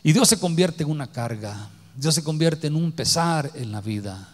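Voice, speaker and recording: A man preaching a sermon as pastor, swinging from loud exclamations to quiet, low lines. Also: lively intonation, normal speed. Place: church hall. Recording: long hall reverb.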